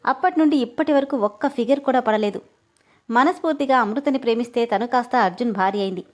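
A woman's voice: on the high side, quick pace, natural voice. A woman voicing a playful young man who mocks and teases in a storybook reading. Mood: teasing. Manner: mocking and playful. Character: teasing, joking young man.

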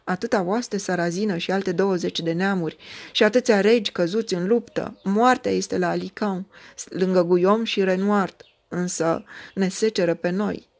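A woman's voice: medium pitch, steady tone, darkish tone, lightly acted. Woman doing a howling, panicking enemy king. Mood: panicked. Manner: howling, despairing.

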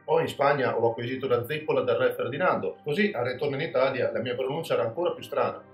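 A man's voice: medium pitch, quick pace. A man from Veneto, a podcast host delivering a scripted, ironic and self-mocking monologue. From Veneto, Italy. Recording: roomy sound with background music.

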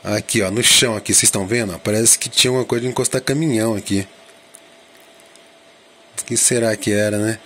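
A man's voice: lowish voice, steady tone, a little fast, pauses often, a bit bright, a little hiss or hum. A man giving casual drone vlog commentary, thinking aloud and asking himself questions in an informal way. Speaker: drone vlogger.

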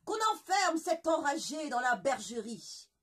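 A woman's voice: high-pitched, sing-song, unhurried, voice pushed up. A woman doing a blustering storybook king. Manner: loud, blustering commands. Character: greedy, pompous, hot-tempered king, a man. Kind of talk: storybook read-aloud.

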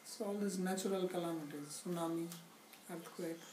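A middle-aged man teaching a scripture class, speaking slowly and deliberately with wry humor and recited Sanskrit verses, recorded from a camera across a living room. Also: high voice, fairly even intonation, a little mellow. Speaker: spiritual teacher. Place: indoor living room, seated on a sofa. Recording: echoey room with background noise.

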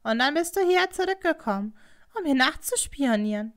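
Woman doing a cruel young geisha, shrill and high, scornful, swooping pitch, audiobook. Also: animated, moderate pace. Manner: pleading and shrill, then cutting and scornful.

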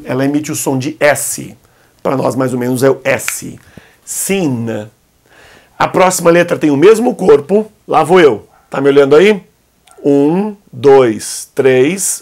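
A man whose first language is Arabic, teaching letters at a whiteboard in a classroom. His voice sits a little high for a man, and his delivery is patient and coaxing. He slows right down to say each sound clearly. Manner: patient, coaxing, repeats sounds slowly for the learner. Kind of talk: whiteboard alphabet lesson.

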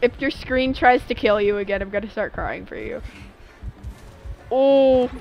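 Excitable young woman game streamer. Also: a little high, measured pace, creaky, muffled recording, faint music behind. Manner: excitable, talks to chat, sudden squealy outbursts. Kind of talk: casual live game stream chat.

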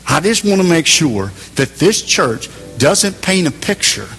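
A man preaching a sermon in a church, emphatic, moving between raised passages and hushed ones. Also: a little high, sing-song, measured pace, vocal fry, in a large hall, faint music behind. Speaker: pastor.

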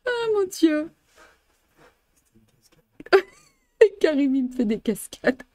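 Extremely slow and sing-song, her high voice has a slightly mellow quality and no echo. The speaker, a woman from France in her fifties with a French accent, teaches embroidery live in a chatty way, laughing frequently and mixing in English and Spanish. The live-streamed stitching lesson takes place in an indoor studio with a blue backdrop.

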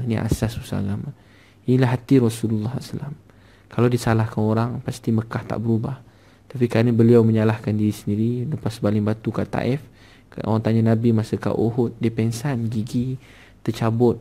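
A Malaysian-accented male preacher delivers a fervent sermon at a quick clip. His voice is dark and gravelly, and he sprinkles his storytelling with "ha" interjections. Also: mid-range voice.

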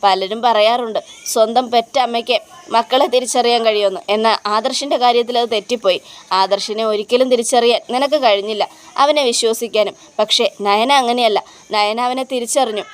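A woman's voice: a little high, brisk, clean tone, natural voice. A woman doing a wise old grandfather. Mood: admonishing. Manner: patient, admonishing.

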